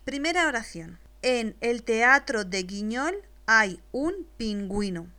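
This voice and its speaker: Lady teacher doing a slow dictation, bright clear voice, one word at a time. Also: on the high side, expressive. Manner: patient, spells out words one at a time.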